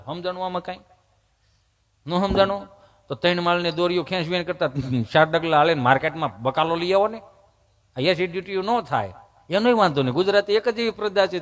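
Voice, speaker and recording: Male stage comic, high pitch, folksy teasing banter. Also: a bit bright. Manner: chatty, teasing the audience. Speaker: stand-up joke teller. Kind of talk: live Gujarati folk stage comedy.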